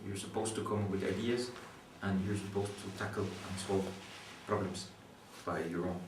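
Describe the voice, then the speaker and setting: A young PhD student in astronomy from Guatemala explains his research in an interview, his second-language English halting and thoughtful, with many restarts, pauses and fillers. He speaks in a low voice with a level tone. The recording is distant and roomy, with faint background noise.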